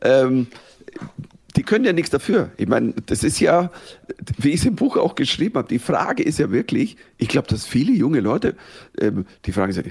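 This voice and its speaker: Lively gravelly middle-aged man. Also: medium pitch, normal speed. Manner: rambling, repeats words, breaks into laughter. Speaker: author and guest. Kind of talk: animated storytelling chat.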